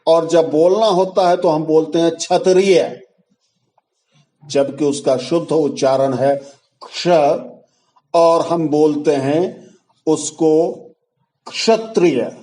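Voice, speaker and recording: A man's voice: a little high, steady tone, a little slow, warm tone. A man teaching a Hindi pronunciation lesson, explaining letter sounds carefully and drawing out each example sound.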